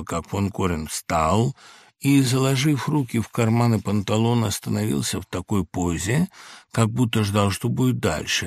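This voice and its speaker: A man narrating a classic story in an audiobook, with expressive, theatrical reading. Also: on the low side, vocal fry, husky, dry recording, studio quality. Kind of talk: dramatic literary narration.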